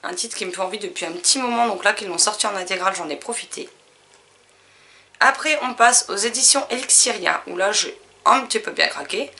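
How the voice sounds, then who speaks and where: A woman casually listing her new books, chatty and relaxed, with frequent fillers. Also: mid-range voice. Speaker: book vlogger. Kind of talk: casual book haul chat.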